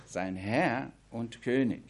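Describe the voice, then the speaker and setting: Slow-speaking man preaching. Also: medium pitch. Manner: reads scripture aloud, then comments conversationally. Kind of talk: Bible study sermon.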